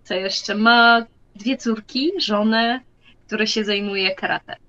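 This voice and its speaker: A woman in her twenties from Poland with a Polish accent, chatting calmly over a video call from her kitchen. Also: mid-range voice, slow pace. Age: 20s. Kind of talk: casual video chat. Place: home kitchen. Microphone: webcam video call. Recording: dull lo-fi webcam sound.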